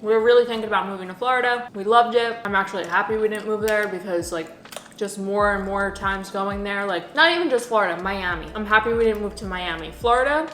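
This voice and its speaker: A woman's voice: medium pitch, fast talker, fairly bright tone, echoey room, slight background noise. A young woman from New Jersey, a couple vlogger, telling a story in casual chat, full of "like" fillers. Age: young adult. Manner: chatty, filler-heavy storytelling with many "like"s.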